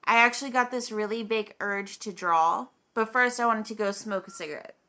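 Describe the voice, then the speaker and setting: A woman's voice: medium pitch, normal speed, sharp tone. A woman vlogger telling a story in a casual, chatty way, full of "like" and acted-out quoted dialogue.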